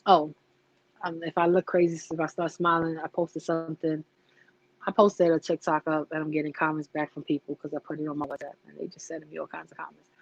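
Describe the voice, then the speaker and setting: A woman chatting casually into the camera, telling an animated story full of "like" and asides. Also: low voice, fairly quick, gravelly, dull audio. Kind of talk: casual vlog chat.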